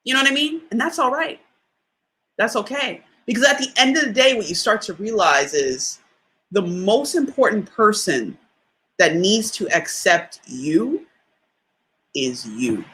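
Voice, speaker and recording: This motivational speaker is a woman with a deep voice who talks in a relaxed, chatty way at a measured pace. Her delivery is animated, bright and forceful, with big pitch swings landing on important words. She repeats phrases to drive points home and checks in with listeners, often asking "you know what I mean?"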